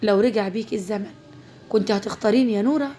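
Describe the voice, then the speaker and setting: A woman voicing a calm, firm young man with an Egyptian Arabic accent. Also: medium pitch, fast, natural voice. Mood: gentle.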